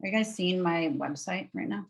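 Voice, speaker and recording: A woman with a lowish voice and a nasal Wisconsin accent speaks at a normal speed. She gives an upbeat, informal webinar walkthrough of educational resources, keeping it conversational.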